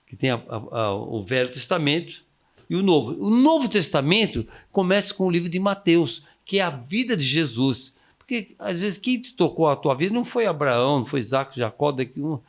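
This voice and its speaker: This is a man, a missionary, talking on a podcast with a fairly high, very lively voice that rises and falls. He gives his advice with a preacher's fervor and now and then slips into other people's voices to quote them. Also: moderate pace. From Brazil. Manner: exuberant, acts out quoted inner voices, calls for amens. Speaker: missionary guest. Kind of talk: enthusiastic preaching-style advice.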